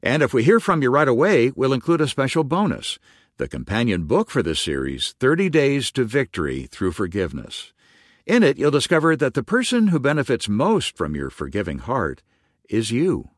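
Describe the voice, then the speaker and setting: A man's voice: medium pitch, wildly swooping pitch, normal speed, no echo, clean studio sound. A male announcer reading a scripted donation appeal for a ministry radio program.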